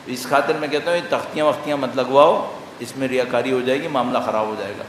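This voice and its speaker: Preacher in an echoey hall. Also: male voice, mid-range voice, slight background noise. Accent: Pakistani Urdu. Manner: animated, rhetorical questions, recites Arabic supplication. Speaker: Shia preacher. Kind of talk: majlis sermon. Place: large hall.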